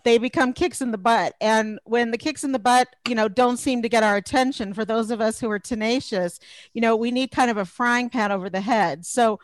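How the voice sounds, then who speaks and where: A woman's voice: fairly high pitch, a little fast, dry recording. A middle-aged woman from Los Angeles, a career coach guest in a podcast interview, talking in a chatty way and laughing often.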